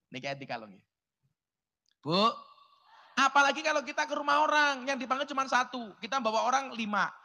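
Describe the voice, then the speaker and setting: A man's voice: sits high, bright, forceful tone. A man with a Javanese accent giving a humorous sermon, joking and chatting with the audience. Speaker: preacher. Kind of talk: humorous sermon to a village crowd.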